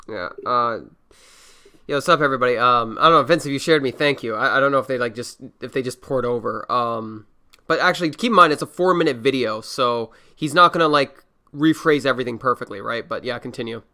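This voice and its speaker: A man's voice: mid-range voice, expressive, brisk, bright, forceful tone. A man hosting a casual reaction livestream, talking in a loose, slangy and scornful way with a lot of laughing. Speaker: livestream host. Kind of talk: casual reaction stream chat.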